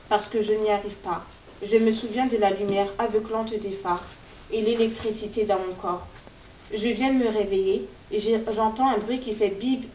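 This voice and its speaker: A woman author reading aloud from her own novel in a steady, measured way, in short phrases, in a classroom. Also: mid-range voice, a little hiss or hum. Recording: distant, echoey, dull-sounding recording.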